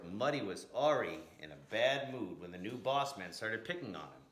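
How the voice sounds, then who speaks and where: In an echoey room, a male storyteller and blues educator reads a picture book aloud with drama and emphasis, stretching out key words. His voice is mid-range and a bit bright.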